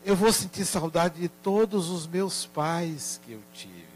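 A sad four-year-old boy speaks in a soft, halting, tearful voice, quoted by an older man telling a family story. He talks slowly. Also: a little high, animated, faint music behind, pitched above the performer's own voice.

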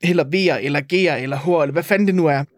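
A woman co-hosting a podcast in casual chat, ranting in an animated, exasperated way and swearing freely. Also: deep voice, dry recording, studio quality. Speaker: podcast co-host.

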